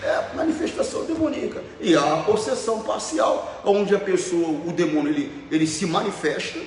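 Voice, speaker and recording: A man's voice: high voice, moderate pace, a little hiss or hum. A man preaching as a pastor, telling stories with emphatic repetitions. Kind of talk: preaching sermon. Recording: echoey hall, voice from far off.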